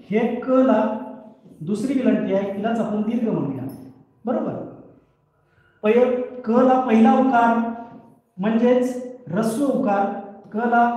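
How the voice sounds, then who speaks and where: A man's voice: extremely high pitch, warm tone. A male teacher giving an online grammar lesson. He explains patiently, asks questions and answers them himself, and repeats each rule several times. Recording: very echoey hall, voice far from the mic.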